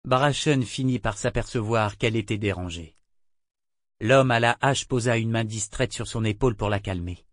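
A man narrating an audiobook in a measured, even storytelling manner on a close studio mic. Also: fairly low pitch, no echo.

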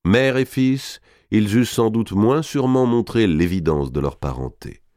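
A man's voice: lowish voice, expressive, moderate pace, a little mellow, no room sound, clean studio sound. A man narrating a historical novel as an audiobook, reading expressively and dramatically.

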